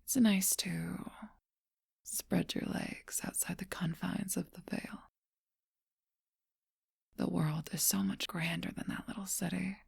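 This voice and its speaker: Close to the microphone, a woman murmurs as a seductive vampire without age, her whisper low, gravelly and full of breath, with fairly even intonation and a slightly mellow quality. The slow, teasing, possessive intimacy suggests a storybook creature in an ASMR role-play. It's a full character voice, recorded with no echo.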